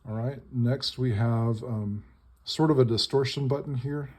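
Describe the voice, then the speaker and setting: A man's voice: mid-range voice, fairly even intonation, unhurried, a little mellow, soft background music. A man giving a casual hands-on walkthrough, explaining piecemeal in short, tentative phrases. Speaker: demonstrator of a modified electronic instrument. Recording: very noisy, with device buzz and clicks. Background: electronic toy noises and button clicks.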